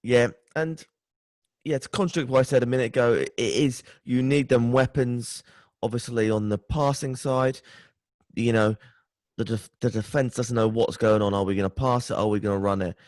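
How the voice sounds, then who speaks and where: A tired, hungover British man chatting casually about sport as a podcast guest, halting and stumbling over his words. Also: mid-range voice, a little mellow, dry recording, clean studio sound. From United Kingdom. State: tired and hungover, short of sleep.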